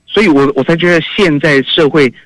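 A man calling in to a radio talk show, answering in a halting way with many fillers. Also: a little high, no echo. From Taiwan. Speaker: caller.

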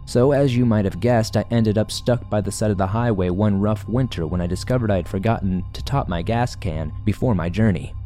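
A man reading a scary story aloud for a podcast, in a measured, wry storytelling manner. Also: on the low side, mellow, soft background music. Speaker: podcast narrator. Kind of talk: scripted horror story narration.

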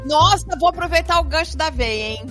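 A woman co-hosting a podcast, doing a loud, exuberant sponsor read and laughing often. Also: high-pitched, lively intonation, brisk, over music. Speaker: podcast co-host. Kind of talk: hyped sponsor read and casual chat.

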